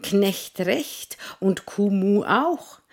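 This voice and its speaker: A woman's voice: mid-range voice, lively intonation, drawn-out words, voice pushed up, exaggerated voice. A woman voicing a boastful runaway male pancake in a storybook tale, with a cheeky, singsong taunt.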